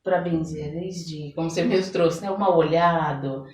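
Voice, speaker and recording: A woman with a Brazilian Portuguese accent speaks in a low, darkish voice at normal speed with fairly even intonation. She is an interview guest, a holistic therapist and folk blesser, reflecting on her practice conversationally and often checking that the listener agrees. The room is echoey, the mic distant, and faint noise sits in the background.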